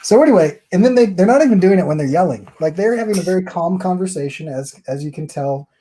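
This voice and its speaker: A man's voice: sits high, expressive, fast talker, mellow. Chatty man reviewing comics. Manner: rambling, chatty, summarizing a comic page by page. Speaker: comic book review host. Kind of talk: casual chat.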